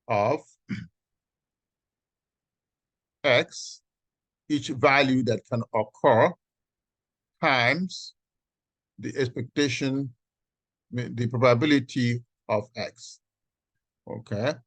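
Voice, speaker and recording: A man teaching an online class as a professor, explaining step by step in a halting, deliberate way and often checking in with "okay". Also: mid-range voice, a bit bright, no room sound. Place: video call with screen sharing.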